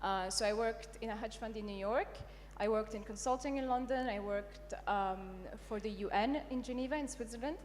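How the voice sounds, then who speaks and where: A woman's voice: fairly high pitch, moderate pace, in a large hall, slight background noise. A young woman from Morocco, an entrepreneur, introducing herself on stage with confidence and light fillers. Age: young adult. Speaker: entrepreneur panelist.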